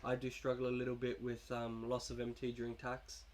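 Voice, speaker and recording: A coughing young man with a cold offers laid-back, wandering commentary on his game team as a gaming YouTuber. His mid-range voice is completely flat and fairly quick, with slight background noise.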